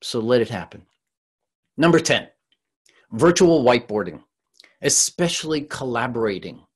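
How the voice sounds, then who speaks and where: A man's voice: mid-range voice, moderate pace, breathy edge. A middle-aged man from the San Francisco Bay Area, giving a conversational webinar talk as a presentation coach over a video call. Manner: lively, conversational, with frequent restarts.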